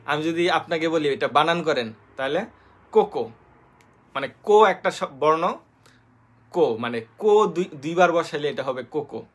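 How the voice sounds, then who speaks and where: A man with a Bangladeshi Bengali accent hosts an informal live-stream lesson, his voice sitting a little high for a man. He spells letters out slowly one at a time and pads his talk with plenty of fillers and restarts. He stays chatty throughout and greets viewers by name as he goes. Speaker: host teaching basic Japanese.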